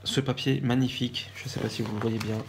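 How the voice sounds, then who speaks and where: A man from France with a French accent, chatting casually in a craft haul vlog and pausing often with fillers and restarts. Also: medium pitch, steady tone, noisy background. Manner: hesitant, many fillers and restarts. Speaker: vlogger.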